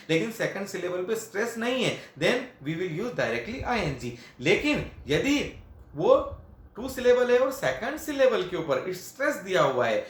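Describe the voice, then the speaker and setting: A man's voice: high-pitched, fairly bright tone, roomy sound. A male teacher explaining grammar at a classroom board. He repeats each point, asks questions and answers them himself, and mixes Hindi with phrases.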